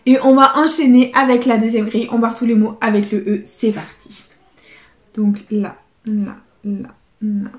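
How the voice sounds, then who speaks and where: A young adult woman commenting casually to her viewers as she scratches lottery tickets, spelling out letters and swinging between dread and excitement. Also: mid-range voice, unhurried, roomy sound.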